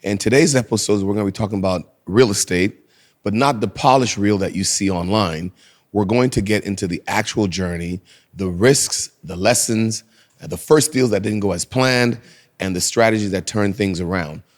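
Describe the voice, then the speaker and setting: A man hosting a podcast, giving energetic, upbeat introductions and asking questions in a conversational interview. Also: on the low side, moderate pace. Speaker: podcast host.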